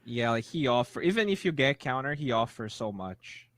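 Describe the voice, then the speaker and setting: A man's voice: mid-range voice, animated, normal speed, a bit bright, dry recording. Guy co-casting esports, lots of uhs and likes, dry close mic. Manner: hesitant, filler-heavy analysis. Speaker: esports co-caster. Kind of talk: live esports commentary.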